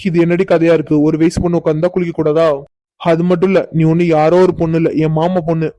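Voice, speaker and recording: A woman's voice: sits low, level tone, warm tone, no room sound, lightly acted. A woman playing a cocky teasing village youth. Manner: teasing, unhurried, mock-innocent. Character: teasing young village man, cocky and playful. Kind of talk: cartoon voice acting.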